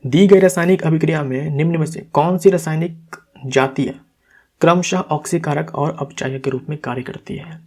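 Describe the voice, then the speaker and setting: Higher-voiced man explaining exam answers. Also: a little mellow. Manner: explains step by step, asks and answers himself; corrects himself aloud. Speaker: exam-prep teacher.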